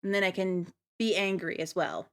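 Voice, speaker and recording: Speaking at a normal pace in a lowish voice with fairly even intonation, this virtual avatar host chats casually to her audience. She comes across as giggly, apologetic and a bit nervous.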